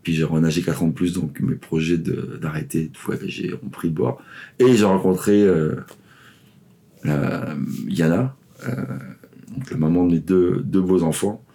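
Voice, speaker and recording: Speaking at a measured pace in a low-pitched, mellow voice, a swim coach in his forties shares his story during a laid-back interview. Raised in the Ivory Coast and Paris, he rambles, leaning on fillers and restarting often.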